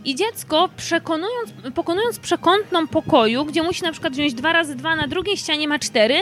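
A woman from Poland, her voice sitting noticeably high, talks through child learning methods in an earnest, conversational way. She leans on practical examples as she explains. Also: animated, fairly quick, a bit bright, soft background music. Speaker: child education specialist. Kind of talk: conversational interview answers.

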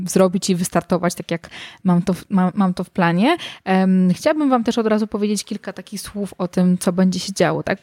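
A woman speaks as a podcast host in a loose, unscripted style. Her voice sits at an average female pitch and sounds very dry, with hardly any room around it. She often pauses mid-thought to find the next word. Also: a little mellow, no room sound. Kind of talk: casual podcast talk.

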